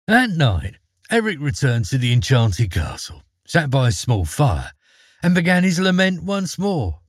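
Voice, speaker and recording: A man narrating a fairy tale in an expressive, dramatic way. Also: a little high, measured pace, slightly rough, no room sound, studio quality. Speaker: storyteller.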